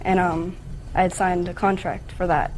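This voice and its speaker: A woman's voice: on the low side, level tone, normal speed, background noise. A young woman giving testimony and answering questions in court.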